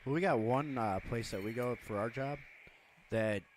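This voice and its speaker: A man's voice: mid-range voice, normal speed, a little hiss or hum. A man co-hosting a casual car podcast, rambling and easygoing. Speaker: podcast co-host. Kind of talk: casual chat.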